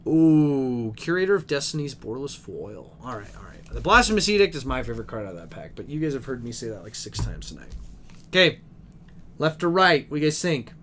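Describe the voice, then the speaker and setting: A young man at a game store reading card names aloud on a live stream and chatting with viewers, easily excited by good pulls. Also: mid-range voice, a little fast, slight background noise. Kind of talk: live-stream pack opening commentary. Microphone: desk microphone.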